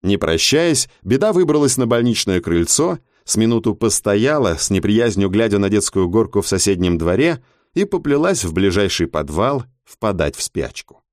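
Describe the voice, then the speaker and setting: A man reading an audiobook in an expressive, measured narration. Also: lowish voice, no room sound, studio quality.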